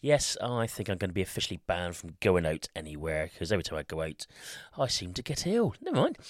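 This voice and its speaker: Male radio host, low croaky frog-in-the-throat voice, sounds under the weather, casual rambling chat, dry close sound. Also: dry recording. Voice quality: croaky, froggy voice. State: under the weather with a cold-like illness. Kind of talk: casual music radio presenting.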